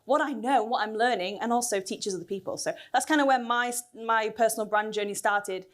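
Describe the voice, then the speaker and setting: A woman whose voice is giving out delivers an energetic lightning talk from a cinema venue's stage during a conference. Her voice is a bit high and her pace a little quick, and she keeps things chatty by quizzing the crowd.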